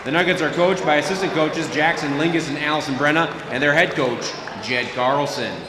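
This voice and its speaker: A man's voice: a little high, a little fast. A man working as a public address announcer, calling starting lineups like a stadium announcer, echoing through a gym. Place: indoor basketball gym over PA. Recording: echoing gym PA, loud crowd noise.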